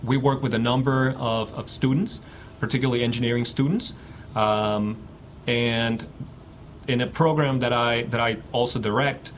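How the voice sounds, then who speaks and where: A man's voice: medium pitch, steady tone. Man from Mexico, interview guest; mid-range voice, stop-start delivery, light room noise. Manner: halting, many fillers and repeats. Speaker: guest researcher. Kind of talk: radio interview.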